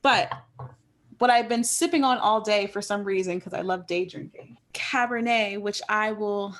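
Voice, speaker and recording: A young adult woman co-hosting a podcast in casual chat, playful and quick to giggle. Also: medium pitch, a bit bright. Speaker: podcast co-host.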